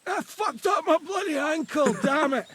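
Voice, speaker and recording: A gravelly, slurring town drunk of a huntsman in a video game. He drags his words in a creaky, raspy voice, cursing and pitying himself over his injury. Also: sits high, sing-song, slow, fairly bright tone, exaggerated voice. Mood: pained, drunk. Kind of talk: video game character acting.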